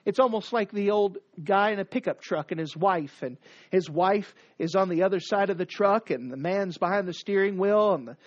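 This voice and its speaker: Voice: medium pitch, moderate pace, no room sound. Dramatic preacher, dull lo-fi sound. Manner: dramatic swings from loud to hushed; emphatic, repetitive cadence. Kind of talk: sermon.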